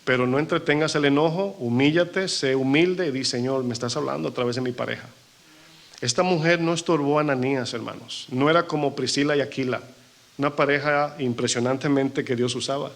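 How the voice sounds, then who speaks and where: A man's voice: medium pitch, fairly quick, creaky. A male pastor preaching a sermon to his congregation and acting out the people he quotes. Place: church.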